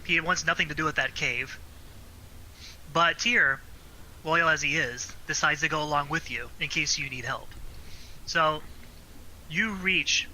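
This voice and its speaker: A man narrating a tabletop game as game master in a relaxed, searching way with fillers. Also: fairly high pitch, low-quality recording. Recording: faint ambient noise.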